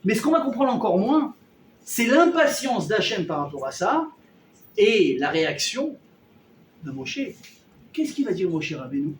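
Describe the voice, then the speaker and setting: A man teaching a lively Torah class to a live audience, acting out everyday dialogues and firing questions at his listeners. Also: high voice, a little slow, pauses often. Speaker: rabbi teaching a weekly class. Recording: roomy hall, mic at a distance, faint noise.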